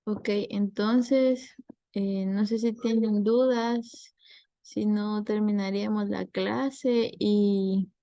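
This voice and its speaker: A woman's voice: mid-range voice, warm tone, no echo. A young woman, tutoring a class and patiently explaining step by step with examples.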